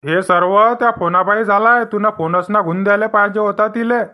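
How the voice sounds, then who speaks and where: An actor voicing a grumbling middle-aged village farmer in a cartoon comedy, speaking in rustic, scolding banter. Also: male voice, sits high, steady tone, a little fast, dull audio, lightly acted.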